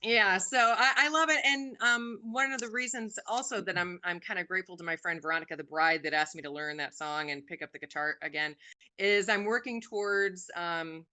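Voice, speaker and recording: A woman in her forties with a medium-pitched voice, talking a little fast, appears as a singer guest on a podcast. She chats casually and warmly about her music with lots of "um"s, and the recording is rough.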